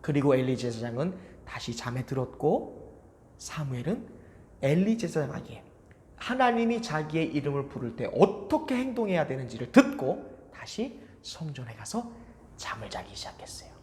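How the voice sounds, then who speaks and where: A children's preacher telling a Bible story in an animated way and asking the children questions. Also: mid-range voice, normal speed, roomy sound, big-room sound.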